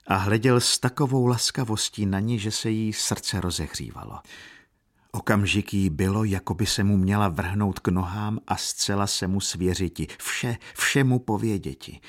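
A man narrating a novel as an audiobook reader, measured and calm. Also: lowish voice.

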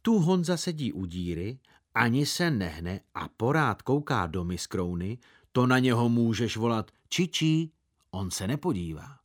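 Man narrating a story, first-person boy's tale, expressive, very lively pitch, mid-pitched voice.

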